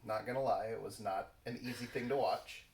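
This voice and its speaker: A man with a fairly low voice talks casually in a halting, understated manner. He is recorded some way from the mic in an echoey room. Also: steady tone, a little mellow, distant mic, slight background noise. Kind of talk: casual chat, Q&A.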